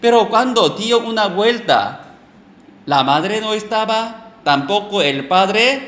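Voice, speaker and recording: A man preaching a sermon and telling a story, halting often with fillers and restarted phrases. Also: high-pitched, expressive, a bit bright. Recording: echoey room with faint background noise.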